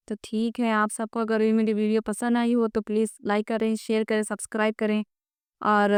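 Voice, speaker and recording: A woman's voice: a little high, clear, resonant tone, dry recording, studio quality. A woman teaching a recorded Quran reading lesson. She patiently repeats letters one by one and stresses how throat sounds should be made. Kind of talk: recorded lesson, reciting letters and explaining pronunciation.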